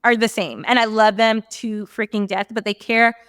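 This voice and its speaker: A woman's voice: a little high, fairly even intonation, normal speed, a bit bright, clean tone, dry recording, studio quality. A young woman hosting a casual podcast interview, bubbly and gushing, laughing often. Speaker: podcast host.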